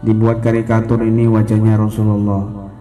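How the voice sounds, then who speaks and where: Animated male preacher giving a sermon. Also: on the low side, moderate pace, soft background music. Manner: animated, questioning the audience.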